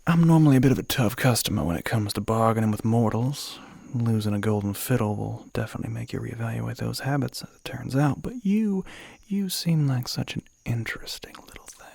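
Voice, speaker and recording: A man voices a smooth, flirtatious male demon for an ASMR roleplay, drawling teasingly and coaxingly in a Southern American accent. The voice is mid-range, breathy and gravelly, a little mellow, often sinking to a whisper, recorded with no echo.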